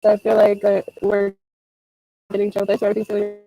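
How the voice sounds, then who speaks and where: A woman's voice: medium pitch, monotone, quick pace, vocal fry, warm tone, rough recording. A woman giving a casual update on a video call, her audio choppy and breaking up over a bad connection. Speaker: team member on a community call.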